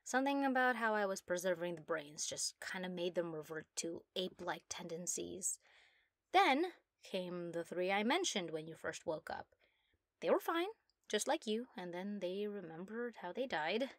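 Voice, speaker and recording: A woman voicing a proud, giddy young mad scientist obsessed with her work, theatrical and self-satisfied, in a soft ASMR role-play. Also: fairly low pitch, sing-song, normal speed, no echo, clean studio sound. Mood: matter-of-fact storytelling.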